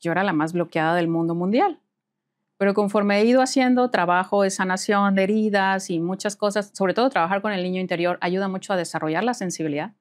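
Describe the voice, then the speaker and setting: A woman, a spiritual healer guest in an interview, telling stories lively and acting out the dialogue. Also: medium pitch, fast. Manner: lively, acts out dialogue in quoted voices, laughs often. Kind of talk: storytelling in an interview.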